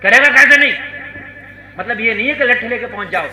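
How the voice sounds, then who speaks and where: A male Islamic preacher giving a dramatic sermon to a conference crowd, telling a story and building to shouts while urging the audience to call back. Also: extremely high pitch, roomy sound, rough recording. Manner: dramatic, rising to shouts, coaxing the crowd to respond. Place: conference stage before a crowd.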